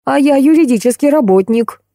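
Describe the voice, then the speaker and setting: A woman's voice: sits high, expressive, fairly quick, warm tone, no room sound, studio quality, voice pushed up. A woman voicing a cantankerous elderly retired court clerk who scolds and accuses everyone in a grumpy, combative way. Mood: scolding. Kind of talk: audiobook character voice.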